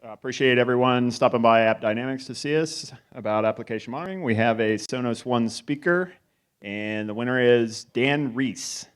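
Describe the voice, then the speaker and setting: A man's voice: mid-range voice, normal speed, smooth. Friendly man announcing a prize winner. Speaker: vendor sponsor announcing a winner. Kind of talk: brief announcement.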